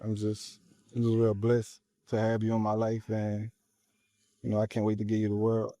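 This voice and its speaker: A young man, a musician, speaking softly and gratefully in a casual interview. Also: on the low side, completely flat delivery, normal speed, no echo. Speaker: musician, guest.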